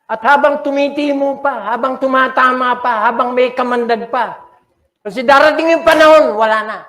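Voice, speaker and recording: An older Filipino pastor delivers a heartfelt, dramatic sermon, his voice pitched high for a man. The sound rings around an echoey church sanctuary. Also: moderate pace, bright, forceful tone. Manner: emotional, dramatic preaching mixing English and Tagalog.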